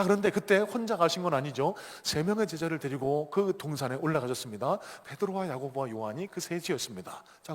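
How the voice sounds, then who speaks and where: A man preaching a sermon as a pastor, telling stories with animation and rising to emphatic peaks. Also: on the high side. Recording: echoey church hall.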